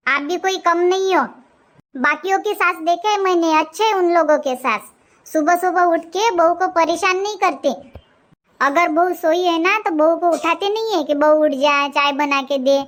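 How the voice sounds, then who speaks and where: A woman voicing a sharp-tongued young daughter-in-law in a cartoon, defiant and talking back. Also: very high voice, moderate pace.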